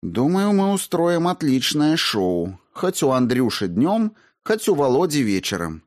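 A man's voice: on the high side, sing-song, measured pace, pitched above the performer's own voice. A man voicing a defiant young woman who speaks coldly and mockingly in an audiobook. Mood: taunting. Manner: cold, biting, mocking. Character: defiant scornful young woman, sharp-tongued.

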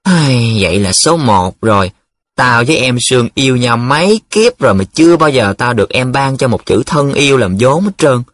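A man voicing a blunt, skeptical young male student who scoffs at his friends, with a husky voice. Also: mid-range voice, expressive, moderate pace, a bit bright, dry recording, studio quality. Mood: mocking.

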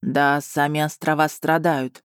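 A woman reading an audiobook voices a proud, stern male dragon who speaks slowly and in clipped, authoritative words. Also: deep voice, level tone, smooth, no echo, studio quality. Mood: weary. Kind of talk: audiobook narration.

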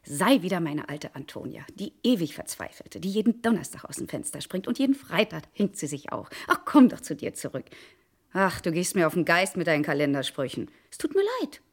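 An actress playing a sharp-tongued estranged wife in a stage play, sarcastic and biting, quickly swinging between scolding and mockery. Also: female voice, on the low side, very animated, husky, full character voice. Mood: mocking.

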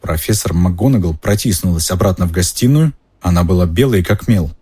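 A man reading a story aloud in an expressive, measured way. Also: low-pitched, breathy edge. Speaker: audiobook narrator. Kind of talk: dramatic audiobook reading.

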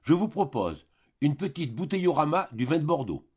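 A man voicing a brash, domineering middle-aged schemer who holds court at the dinner table with jokes and orders. The voice is husky with a lively, swinging pitch. It sounds like a dull, lo-fi home recording of a storybook reading. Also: normal speed. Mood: commanding.

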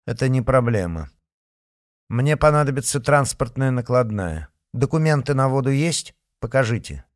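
A man's voice: mid-range voice, lively intonation, normal speed, voice pushed up, lightly acted. A man voicing a dry, businesslike woman in an audiobook. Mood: curt. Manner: dry, curt, official.

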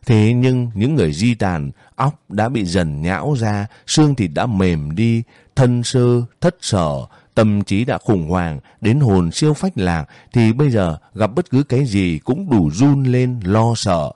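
Brief: male audiobook narrator, low mellow voice, measured pacing, dry close mic. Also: no room sound. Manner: steady, measured storytelling. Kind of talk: scripted narration of a war novel.

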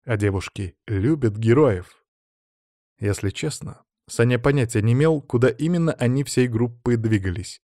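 This is scripted audiobook narration by a man with a medium-pitched voice, telling the story in a steady, measured manner. The studio-quality recording has no room sound.

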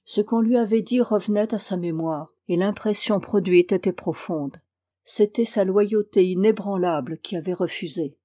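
A woman narrates a historical novel in a calm, measured way. Her voice is warm and mellow, and it sits in a middle register. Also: medium pitch. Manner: steady, measured reading, lifting the voice for quoted dialogue. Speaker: audiobook reader.

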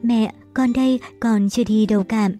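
A woman's voice: a little high, steady tone, moderate pace, dark tone, faint music behind, close to an everyday voice. A woman voicing a proud, wounded young man who speaks with firm resolve and grief, in a storybook reading. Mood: sorrowful. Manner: resolute, grieving.

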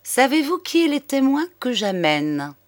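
A woman's voice: high-pitched, very animated, measured pace, no echo, voice pushed up. A woman reading the part of a smug male police chief who talks down to an old man. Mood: smug, teasing. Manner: mocking, condescending.

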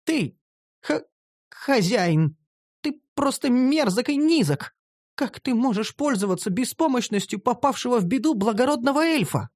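A man's voice: very high voice, very animated, moderate pace, a little mellow, dry recording, clean studio sound, voice pushed up, full character voice. A man voicing Caramel, a prim haughty elf maiden. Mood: indignant. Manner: prim, offended, formal. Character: haughty young noble elf woman, enslaved and indignant. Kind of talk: audiobook character voicing.

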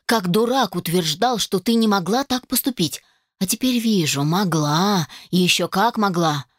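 A woman's voice: mid-range voice, moderate pace, no room sound, clean studio sound, close to an everyday voice. A woman reading a novel aloud, voicing a young man who bitterly accuses an old friend in a reproachful, intense way.

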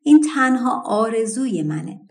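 A woman's voice: on the high side, lively intonation, darkish tone. A woman voicing an earnest young girl who pleads insistently in a storybook reading. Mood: earnest, pleading.

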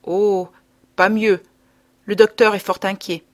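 A woman reading aloud, giving the measured, solemn lines of a male priest tutor. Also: mid-range voice, level tone, dry recording, natural voice. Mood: grave.

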